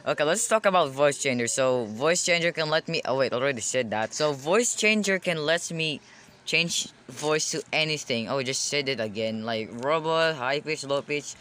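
Young guy doing a casual vlog, clear bright voice, slightly high, rambles and repeats himself. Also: lively intonation, normal speed. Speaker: video creator.

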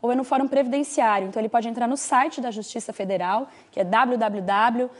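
A woman's voice: fairly high pitch, a little fast, slightly rough. A woman explains social security law. She speaks as a patient legal adviser on a TV call-in segment and fills her sentences with small "né" and "é" tags. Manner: explanatory, patient, with frequent "né" and "é" fillers. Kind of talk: TV call-in advice answers.

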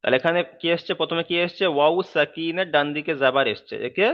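Man drilling Arabic letters in a sing-song voice. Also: fairly high pitch. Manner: slow sing-song drilling of letter sounds, then quicker explanation. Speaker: Quran reading teacher. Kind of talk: recorded online lesson, spelling out Arabic letters. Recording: dull, muffled recording.

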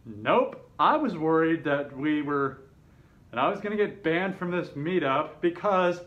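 A man in a fursuit head shares a rambling personal story in a casual, hesitant way, frequently correcting himself. His voice is on the high side and animated, at a measured pace. Recorded by a camera mic a short way off in an open living room with a kitchen, the home audio sounds dull and slightly muffled.

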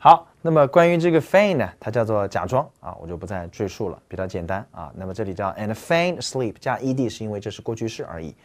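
A man's voice: fairly low pitch, lively intonation, quick pace, few pauses. A man teaching English vocabulary in an explanatory lecture, asking his listeners rhetorical questions and repeating key words.

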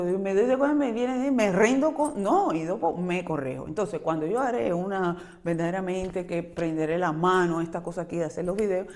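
A woman, talking casually to camera as a vlogger in a loud, lively, rambling way. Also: mid-range voice. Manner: lively, talkative, rambling, quick changes of loudness; speaks very loudly by her own account. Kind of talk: casual reflective monologue to camera.

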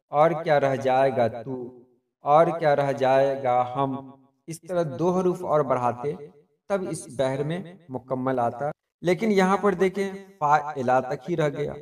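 Male teacher, higher voice, patient, repeats metrical feet aloud; recorded a little away from the mic. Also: darkish tone, distant mic. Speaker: teacher of Urdu poetry meter. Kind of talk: explanatory lesson.

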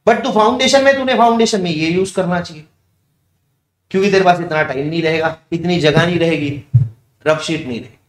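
A young man teaching with a fairly high voice. He talks to the class in a loose, chatty way and often asks a question and then answers it. The room has a lot of echo. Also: fairly quick. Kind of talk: casual classroom digression. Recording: echoey room.

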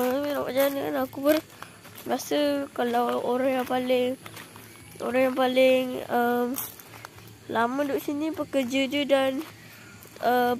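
A woman's voice: high voice, a little mellow. Young woman, Malaysian Malay accent, casual camping vlog, rambling, phone mic close, outdoor ambient noise. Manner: chatty, rambling, frequent coughs and fillers. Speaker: vlogger. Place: outdoor campsite among trees. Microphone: phone held close at arm's length.

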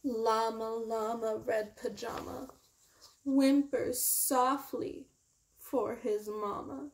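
In a rough recording, a young woman with a slightly high voice and little pitch variation reads a children's picture book aloud as a storytime teacher. She is expressive yet slow and deliberate, lingering on key words and explaining in simple language.

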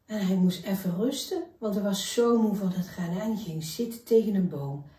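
A woman reading a children's story aloud in a gentle, expressive way. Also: mid-range voice, moderate pace, distant mic. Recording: echoey room, voice from afar.

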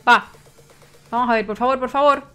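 A young woman from Spain with a Spanish accent, giving chatty gameplay commentary straight to her viewers and breaking into excited shrieks. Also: on the high side, fairly quick, loud music behind the voice. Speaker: gaming streamer.

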